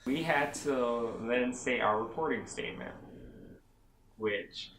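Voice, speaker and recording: A man's voice: medium pitch, slow pace. Young man telling a story in an echoey room. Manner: animated, self-dramatizing, many "like" fillers. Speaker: vlogger recounting basic training. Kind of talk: casual storytelling vlog. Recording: echoey room, faint background hum.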